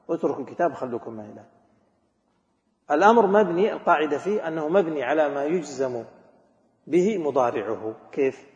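Leading a classroom lecture on a grammar text, a male teacher with a somewhat high, slightly mellow voice fires off questions and repeats examples, mixing formal and colloquial Arabic. The dull, lo-fi recording captures his voice ringing through a large hall with a long reverb tail.

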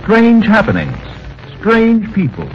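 A man's voice: high voice, huge pitch swings, takes it slowly. A man reading a sponsor announcement in an emphatic, rising announcer style, heard from an old 1930s radio recording. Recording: dull 1930s radio recording over music.

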